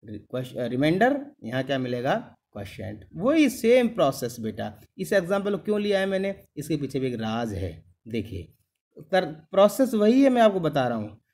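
A man's voice: a little high, sing-song, normal speed, a little mellow. A middle-aged man teaching a maths lesson, patiently repeating each step and checking whether his students follow. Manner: calls the students "beta", keeps asking "clear?". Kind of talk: classroom lesson.

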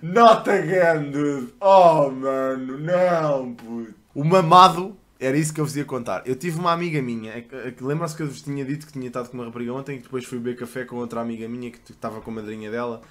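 A man's voice: mid-range voice, fairly even intonation, racing, hardly any pauses. A man in his twenties with a European Portuguese accent, chatting casually and slangily as a streamer while reacting to videos, swearing freely. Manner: swears freely, bursts into loud laughing outbursts.

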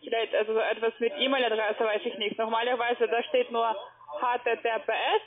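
On a tinny phone line, a female call-center agent pushes a sales call in broken German with non-native phrasing, insistent yet reassuring and repeatedly saying she agrees. Her voice is fairly high, flat, and brisk.

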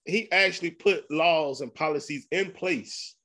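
Man, podcast host, casual conversation, laughing, bright forceful tone. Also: on the high side, a little slow. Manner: loose, laughing, repeats 'man'.

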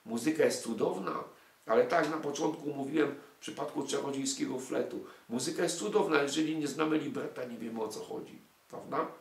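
A fairly quick, creaky, medium-pitched voice belongs to an older man lecturing an audience on music and culture. His delivery is emphatic, peppered with rhetorical questions and indignant remarks, and the room has a noticeable echo.

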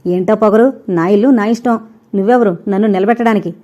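A woman's voice: mid-range voice, fairly even intonation, quick pace, warm tone, natural voice. A woman voicing a bitter older mother-in-law who snaps and scolds, in a dull lo-fi recording. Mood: scolding. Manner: scolding, snapping.

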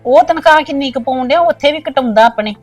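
An actress playing a middle-aged village mother-in-law who talks in a soft, pleading, soothing way. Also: high voice, quick pace, no echo, faint music behind, lightly acted. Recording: dry, distant from mic.

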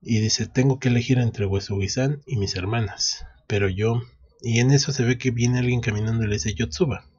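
A man's voice: medium pitch, fairly even intonation, moderate pace, a little mellow, husky, highs cut off. A man recapping a manga chapter in a casual way, reading the lines aloud with frequent restarts. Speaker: anime recap host. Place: at home.

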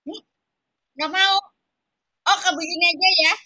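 High, bright-voiced kindergarten teacher coaxing children. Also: female voice, steady tone, normal speed, lo-fi sound. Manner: coaxing, singsong and playful with small children. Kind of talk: online class with young children. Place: home, online class.

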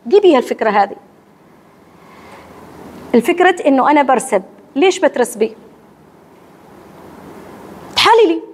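A woman with an Omani accent giving a religious lecture to women in a mosque hall, asking and answering her own questions in a lively teacherly way. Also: high voice. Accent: Omani Arabic. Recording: long hall reverb.

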